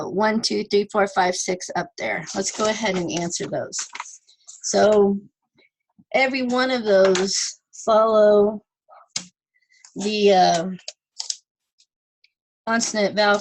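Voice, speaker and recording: A woman's voice: mid-range voice, steady tone, takes it slowly, pauses often, a little hiss or hum, low-quality recording. A woman teaching an online ESL lesson, patiently sounding out words syllable by syllable and repeating them.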